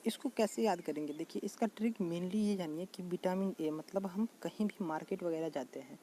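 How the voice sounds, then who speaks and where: A man's voice: sits high, warm tone. A man explaining a general knowledge lesson in a casual, repetitive way, often calling out to his viewers as friends. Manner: addresses viewers as friends, repeats terms slowly. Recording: faint background noise.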